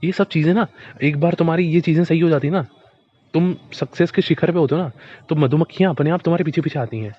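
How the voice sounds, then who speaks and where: A man's voice: on the high side, fast. A man speaking as a motivational speaker, giving blunt advice in a casual, direct way, often repeating himself and calling the listener his friend. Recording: dull lo-fi recording.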